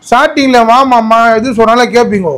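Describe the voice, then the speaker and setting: A man in a comedy skit, teasing and scolding with quick repeated commands. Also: very high-pitched, a bit bright. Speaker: comedy video creator.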